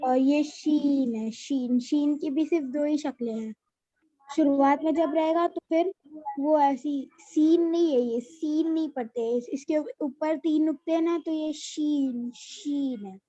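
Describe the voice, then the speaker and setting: A woman's voice: sits high, a little slow, warm tone, no echo, dull audio. A woman teaching a children's alphabet lesson, patiently repeating each letter name as she explains.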